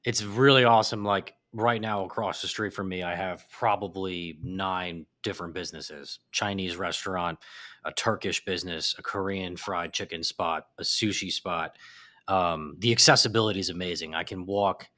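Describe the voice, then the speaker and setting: A man with a deep voice and a bright, forceful edge talks as a guest on a podcast. He sounds lively and enthusiastic in casual conversation, with animated asides. His tone stays bright throughout. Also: moderate pace.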